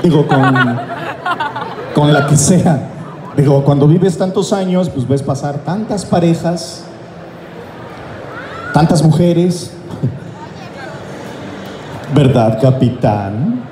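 A voice actor guest at a fan convention jokes with the crowd on stage through a handheld mic, laughing at his own jokes, in a large indoor hall. His fairly high voice is expressive, and he takes it slowly with frequent pauses. Filmed from the audience, the recording is echoey with loud crowd noise.

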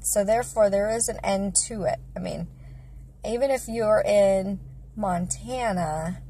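Into a phone held at arm's length in a parked car, a woman in her thirties, a mother of five who vlogs, chats casually about faith and family, rambling with many fillers. She has a medium pitch, vocal fry and a slightly mellow quality, and a little hiss or hum can be heard.

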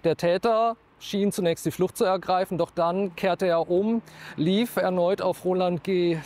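A man in his thirties or forties with a high-pitched, slightly mellow voice works as a true-crime TV expert. Outdoors in town, he retells a case factually on camera, speaking into a lapel mic.

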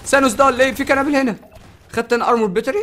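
A young man with an Egyptian Arabic accent hosting a game video, giving excitable commentary, shouting orders and cheering his teammate on. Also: extremely high pitch, very fast, noisy background. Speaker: gaming channel host.

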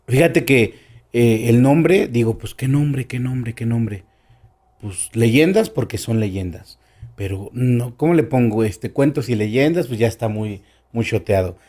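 On a casual podcast, a guest storyteller with a Mexican accent chats along, shifting his tone and leaning on certain words. His voice is medium-pitched and warm.

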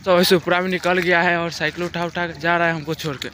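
A man's voice: fairly high pitch, level tone, quick pace, sharp tone, a little hiss or hum. Chatty young man vlogging outdoors. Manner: chatty, walking narration to a handheld camera. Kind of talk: casual village vlog narration. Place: outdoors in a foggy village field. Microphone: phone camera held at arm's length.

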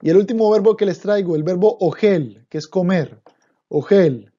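A man's voice: sits high, normal speed, mellow, dull audio. A man teaching a Hebrew lesson online, patiently repeating words and checking in with the listener.

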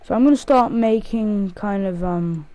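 A man's voice: sits high, moderate pace, dark tone, smooth. A male gaming host giving casual, rambling gameplay commentary, counting aloud and joking at himself as he plays. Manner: rambling, self-mocking, counts aloud while playing.

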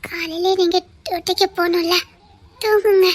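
A woman with a Tirunelveli accent playing a gentle young wife who speaks hesitantly, stumbling over her words, in a family drama. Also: very high-pitched, steady tone, normal speed. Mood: pleading. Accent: Tirunelveli Tamil.

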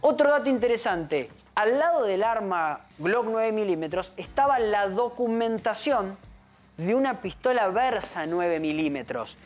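On a live news panel, a female crime reporter with an Argentine Spanish accent explains the case point by point with emphasis, often saying "exactamente." Her mid-range voice has lively intonation and a slightly slow pace.

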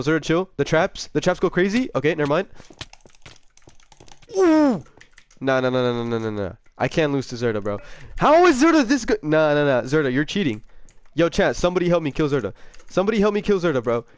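A young man chatting casually with viewers during a gaming livestream, excitable, repeating himself and full of slang, his voice a bit sick. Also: mid-range voice, clear, resonant tone, dry recording. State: slightly sick voice.

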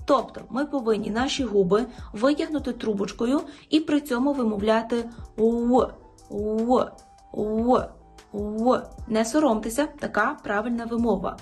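A woman language teacher giving a pronunciation lesson, slowly repeating example words in a clear, instructive way. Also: fairly high pitch, faint music behind. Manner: slow, drawn-out repetition of example words.

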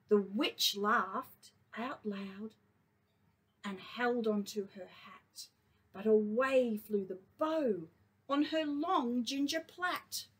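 A kindergarten teacher reading a picture book aloud to children, gentle and expressive. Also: female voice, a little high, husky.

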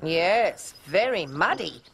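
A woman voicing a gentle, patient tortoise in a cartoon, explaining things in a calm and kindly way. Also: fairly low pitch, slow pace, gravelly, husky, heavily acted. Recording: music playing underneath.

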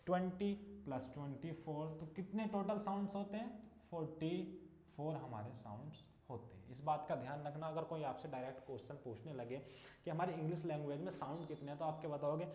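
A man's voice: a little high, brisk, a little mellow. A male teacher giving an English lesson, asking questions and repeating the answers. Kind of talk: classroom English lesson in Hindi. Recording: echoey room.

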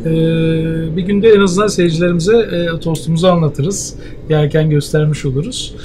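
A man in his sixties hosting a food show at a cafe, tasting dishes and speaking in a measured, appreciative way with many hesitations. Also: fairly high pitch, fairly even intonation, darkish tone, a little hiss or hum. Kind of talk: casual tasting interview. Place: outdoor cafe terrace.

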